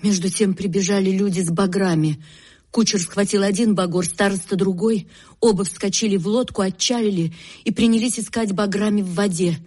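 A woman narrating a classic story in a steady, measured reading. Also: medium pitch, husky, soft background music. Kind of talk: literary audiobook narration.

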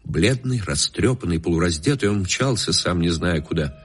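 A man narrating a classic story in a measured, expressive reading. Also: low-pitched. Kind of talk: literary audiobook narration.

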